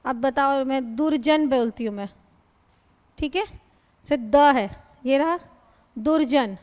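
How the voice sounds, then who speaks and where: A woman's voice: high-pitched, slow. A woman teaching Hindi grammar in a classroom lecture. She explains patiently, asks her students questions and calls them "beta". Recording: long hall reverb.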